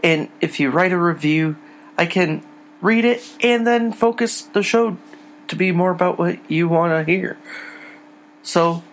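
Here a podcast host talks on his own, conversational and casual, straight to the people listening. He speaks high and unhurried, and the rough recording carries a little hiss or hum.

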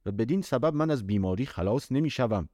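A man's voice: medium pitch, animated, dark tone, no room sound, voice pushed up, close to an everyday voice. Man doing a solemn king, sad heavy delivery, dry close sound. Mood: mournful. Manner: grave, solemn storybook speech. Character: stern king disguised, speaking sorrowfully.

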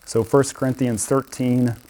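A man's voice: medium pitch, level tone, a little slow, mellow, a little hiss or hum. A young adult man giving an informal sermon in a conversational, storytelling way, with frequent restarts. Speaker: preacher.

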